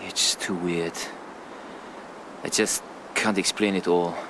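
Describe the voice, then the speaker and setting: A man's voice: low voice, steady tone, takes it slowly, background noise. An actor playing an uneasy man stranded in a horror game, speaking English with a faux Japanese accent in a stiff, anxious way. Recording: game audio with loud ambience.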